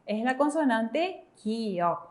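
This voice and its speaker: A woman's voice: a little high, very animated, slow. A woman with a Paraguayan Spanish accent, co-teaching a Korean pronunciation lesson in Spanish. She explains sounds step by step and affirms her partner with encouraging murmurs. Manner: encouraging, answers with "ujú". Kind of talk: classroom explanation.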